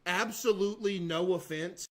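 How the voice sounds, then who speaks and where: High-voiced, incredulous man reacting live. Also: moderate pace. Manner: exclamatory, incredulous. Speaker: streamer. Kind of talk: casual live reaction commentary.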